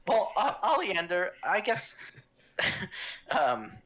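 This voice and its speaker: Lively, slow, wry tabletop player. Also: medium pitch, low-quality recording. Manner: hesitant, wry, polite. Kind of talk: in-character tabletop play.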